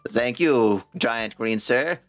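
A man's voice: mid-range voice, lively intonation, slow, fairly bright tone, faint music behind. A man voicing a jovial, boastful male gnome blacksmith in a tabletop game. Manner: cheerful, bragging, playful. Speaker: game master voicing a shopkeeper.

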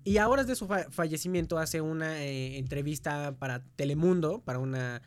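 A man's voice: fairly high pitch, fairly quick, soft background music. A young adult man with a Mexican accent, co-hosting a casual podcast chat in a slangy, rambling way full of fillers. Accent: Mexican Spanish. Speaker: podcast co-host.

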